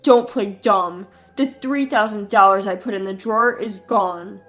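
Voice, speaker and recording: A woman voicing a stern husband who talks in a blunt, scolding way, pitched a little lower than her own voice, over faint background music. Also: steady tone, normal speed, lightly acted. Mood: accusing. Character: grown man, husband, stern and accusing.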